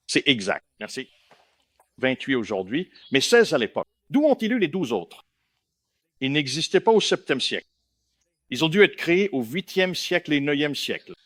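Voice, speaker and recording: A man's voice: medium pitch, fairly bright tone, no room sound. A man from India giving a lecture to a live audience, emphatic, often stopping to check that listeners follow.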